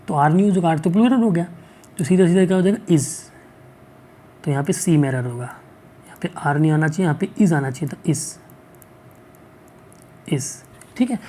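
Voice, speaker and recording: A male teacher going through exam questions, reading the English sentences out slowly and checking in often to ask whether it is clear. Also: on the high side, dark tone. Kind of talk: exam-prep lesson.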